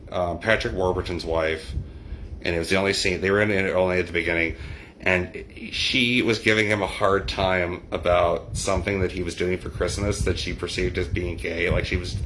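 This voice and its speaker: A man's voice: deep voice, a bit bright, slight background noise. A middle-aged man and poet hosting a livestream, chatting casually and ramblingly with his viewers. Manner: rambling, discursive. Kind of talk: casual chat with live viewers.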